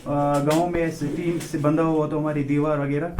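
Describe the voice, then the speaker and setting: A young man speaks outdoors into a reporter's handheld microphone. His voice sits fairly high, and his delivery is halting and full of fillers, yet urgent. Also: little pitch movement, noisy background. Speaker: shop owner telling of a fire. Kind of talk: on-the-spot news interview. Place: outdoors beside a burnt shop.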